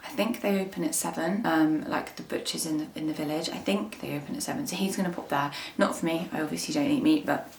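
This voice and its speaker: This young English lifestyle vlogger chats casually to camera at home and in her garden, rambling with lots of fillers. Her voice is low with vocal fry, and she talks fast with hardly any pauses. The recording has a roomy echo and faint ambient noise.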